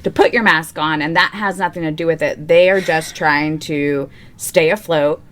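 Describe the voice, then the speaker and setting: A woman's voice: low-pitched, steady tone, fairly bright tone. A woman co-hosting a casual podcast chat who tends to vent and build into long rants. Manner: quick to vent and build into a rant. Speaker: podcast co-host.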